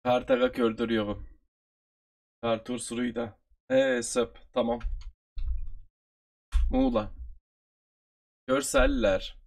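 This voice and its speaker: A man with a Turkish accent, from Turkey, teaching an online review lesson and repeating phrases slowly for his learners. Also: mid-range voice, wildly swooping pitch, vocal fry.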